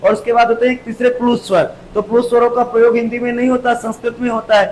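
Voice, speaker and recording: High-voiced male teacher drilling grammar. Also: level tone, a little mellow, slight background noise, low-quality recording. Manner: explains step by step, repeats key terms, stretches sounds slowly. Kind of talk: exam-prep grammar lesson.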